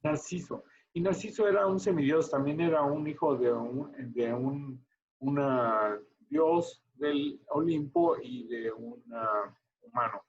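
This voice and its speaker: A man teaching a medical class, chatty and animated, quizzing his students as he goes. His voice sits a little high, and the audio is muffled and lo-fi. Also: slow pace. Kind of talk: online class storytelling.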